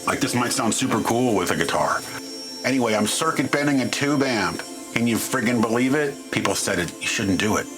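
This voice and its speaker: This electronics teardown host speaks fairly quickly in a mid-range voice with lively intonation. He walks through the hands-on work informally, with dry, self-mocking, slightly crude humor, while music plays behind him.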